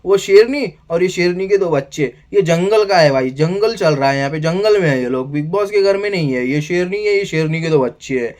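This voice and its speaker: A man giving a casual video review of a TV show, excitable and calling the listener "brother" again and again. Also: on the high side, fairly quick, hardly any pauses. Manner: excitable, addresses listener as "bhai" constantly.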